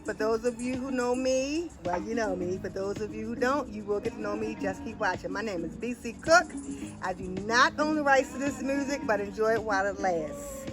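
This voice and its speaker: A woman hosting a casual chat with friends, animated and laughing often, with playful drawn-out asides. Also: a little high, over music, rough recording. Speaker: host.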